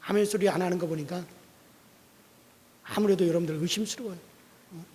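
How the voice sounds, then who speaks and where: A man's voice: sits high, steady tone, fairly quick, a little mellow, in a large hall. A male pastor giving a dawn prayer sermon, preaching with animation and putting questions to the congregation.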